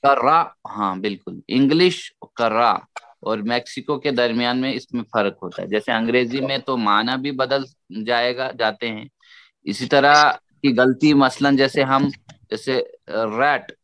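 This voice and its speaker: Calm guy teaching tajweed, slow and patient, dry close sound. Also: medium pitch, no room sound. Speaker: Quran recitation teacher. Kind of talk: tajweed lesson, call and response.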